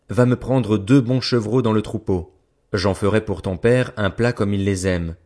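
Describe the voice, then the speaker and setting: A man's voice: lowish voice, darkish tone, natural voice. A man reading the part of a scheming mother, insistent and commanding.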